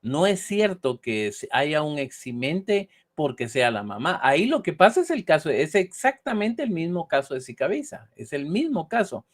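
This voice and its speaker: A male law lecturer, speaking in a fairly high, very lively voice. He explains cases in an animated way and checks in with his students as he goes. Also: normal speed, hardly any pauses. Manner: animated, acts out short example dialogues; ends points with a questioning "¿verdad?". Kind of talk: online university lecture.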